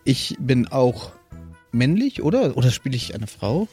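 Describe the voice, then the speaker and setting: A podcast co-host and tabletop role-player chats casually about creating game characters, with music playing in the background. His voice is medium in pitch, mellow, and sing-song, and he takes his time.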